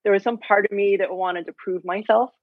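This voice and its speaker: A woman in her forties talks in a lively, rambling way, packed with "like" and "you know". Her voice comes through a thin, tinny line that sounds phone-like. The sound is dry, with no room around it. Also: medium pitch, fairly quick, no room sound. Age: 40s. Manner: chatty, filler-heavy, animated retelling. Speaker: health coach, guest. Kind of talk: candid interview storytelling.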